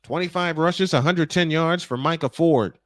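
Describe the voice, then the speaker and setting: Excitable man calling football play-by-play. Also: fairly high pitch, no echo. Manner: rising excitement on big plays, quick self-corrections. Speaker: play-by-play announcer. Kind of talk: play-by-play commentary.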